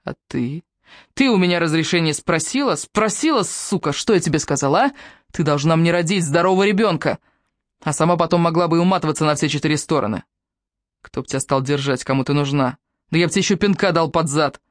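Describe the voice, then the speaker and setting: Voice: mid-range voice, fast talker, no room sound, clean studio sound, lightly acted. A reader voicing a furious, crude, possessive man. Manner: coarse, threatening, swearing.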